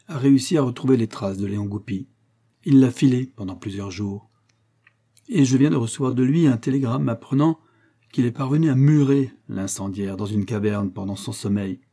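A man voicing a calm, mocking newspaper director in an audiobook, businesslike and unshakably composed. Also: mid-range voice, natural voice. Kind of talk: audiobook character reading.

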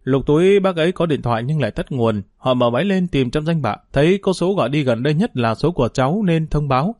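A man's voice: a little high, animated, quick pace, darkish tone, no echo, studio quality, natural voice. A man voicing a worried young man who stammers anxiously, in a storybook reading.

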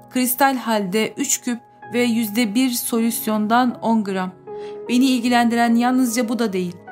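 A woman reading a first-person audiobook in a measured, subdued way. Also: fairly high pitch, a little mellow. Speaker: audiobook narrator.

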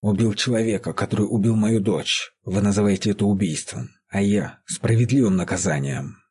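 A man voicing a grim, vengeful farmer who speaks calmly and accusingly. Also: on the low side, normal speed, husky. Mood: grimly calm. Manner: calm, accusing. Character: grim vengeful middle-aged male farmer, calm and sure.

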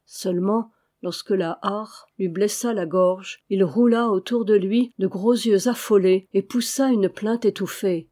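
A woman with a medium-pitched voice reads a classic adventure novel aloud as an audiobook, in a measured and expressive way.

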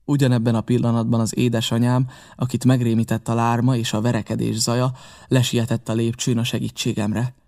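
A man reading a novel aloud in steady, measured narration. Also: medium pitch. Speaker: audiobook reader.

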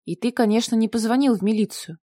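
A brusque, sardonic young woman fires off curt questions in a commanding tone, as a woman reader plays her. Her voice is warm and mellow, set in a dry, close-miked booth with nothing behind. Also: on the high side, fast, no echo, lightly acted. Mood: glum. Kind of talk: audiobook character voice.

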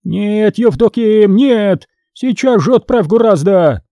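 A man's voice: lively intonation, slow, mellow, no echo, heavily acted. A man voicing a greedy, widowed old-time noblewoman who shrieks and commands. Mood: commanding. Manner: shrieking, shrill, imperious.

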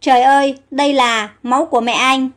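A young queen in an audio story who reacts with startled alarm but stays firm and principled, read by a woman in her own voice. Her voice sits high. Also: steady tone, fairly quick, a bit bright. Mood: shocked.

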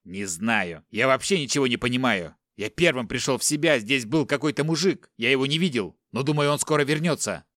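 A man's voice: medium pitch, animated, a little fast, hardly any pauses, a bit bright, no room sound, clean studio sound, lightly acted. A man voicing a tough middle-aged father held captive, firm and reassuring. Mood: tense.

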